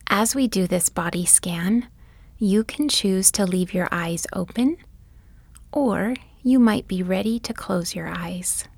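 A woman guiding a bedtime body-scan meditation, speaking softly and gently, often in a whisper. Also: mid-range voice, gravelly, no room sound. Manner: soft, often whispered delivery; gentle, soothing and unhurried. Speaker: meditation guide.

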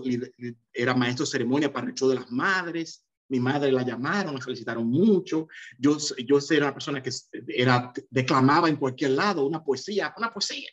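A middle-aged Dominican man telling his life story in an interview, hesitating often with repeated fillers and restarts. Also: medium pitch. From Dominican Republic. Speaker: interview guest, economist. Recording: dull, slightly lo-fi sound.

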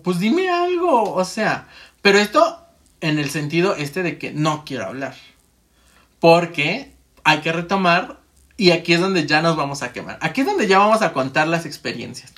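Frequent laughter punctuates this casual, rambling chat, where the speaker acts out what's going on in their head. Their voice is mid-range and a bit bright.

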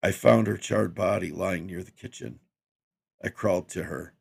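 Deep gravelly horror story narrator. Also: male voice, fairly even intonation, a little mellow. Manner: measured, grim dramatic delivery.

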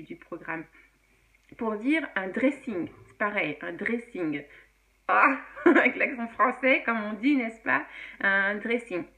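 A woman's voice: medium pitch, vocal fry, bright, forceful tone. A woman teaching English in a casual video lesson, chatty with many fillers and frequent laughs.

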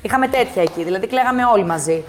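A young woman from Greece, chatting as a studio guest and telling a story with lively, animated delivery, acting out what others said. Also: mid-range voice, slight background noise. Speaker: guest, former reality show contestant. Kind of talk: casual chat.

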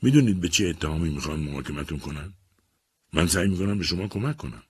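An insistent, patient army captain defending a client, as a narrator puts him on in a storybook reading. His voice is very deep and breathy-husky, and he presses each question firmly. The recording is close and dry. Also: expressive, dry recording, heavily acted. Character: persistent male army captain and defense lawyer.

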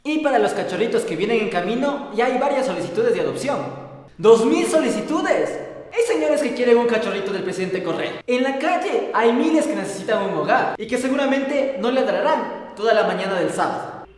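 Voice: medium pitch, lively intonation, fairly quick. A host with an Ecuadorian accent delivering scripted satirical news commentary in a sarcastic, mock-naive way. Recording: very echoey, reverberant room.

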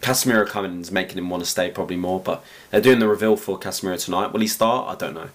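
Croaky, tired low-voiced Englishman. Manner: rambling, halting, lots of fillers. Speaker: podcast host. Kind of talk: casual football chat.

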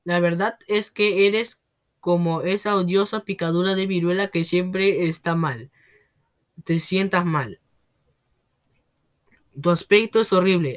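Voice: mid-range voice, fairly bright tone, natural voice. A reader voicing a bullying, tyrannical headmistress who roars and scorns in a read-aloud storybook. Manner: roaring, scornful.

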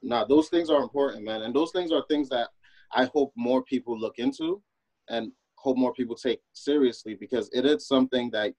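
A man's voice: medium pitch, moderate pace, a little mellow, slightly rough, no room sound, rough recording. A man hosting a podcast in an informal, conversational way, repeating phrases for emphasis. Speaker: podcast host.

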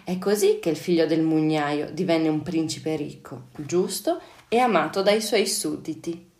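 A woman teacher reading a children's fairy tale on radio, clear and unhurried. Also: low voice, darkish tone. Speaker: storyteller, teacher. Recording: echoey room.

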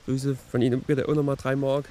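A man's voice: mid-range voice, flat delivery, fairly quick, dark tone, slight background noise, close to an everyday voice. A man playing a stern, fussy pool attendant who scolds and stammers in a comedy sketch. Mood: scolding. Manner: scolding, stammers and repeats himself. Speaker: podcast host.

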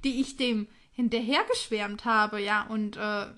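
A woman's voice: mid-range voice, steady tone, unhurried, a bit bright. A woman around thirty telling a story on a casual podcast, swearing casually and laughing often. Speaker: podcast co-host.

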